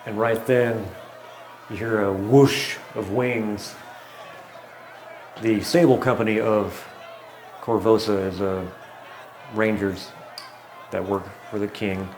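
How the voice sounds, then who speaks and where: A man running a tabletop game as game master, setting scenes in a measured, descriptive way. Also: fairly low pitch, fairly even intonation, a faint crowd, slight background noise.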